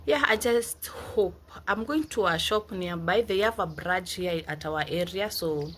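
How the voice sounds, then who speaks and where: A woman's voice: fairly low pitch, a little slow, fairly bright tone, a little hiss or hum. A woman, talking casually to her viewers in a rambling, chatty home vlog and calling them "guys" often. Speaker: vlogger.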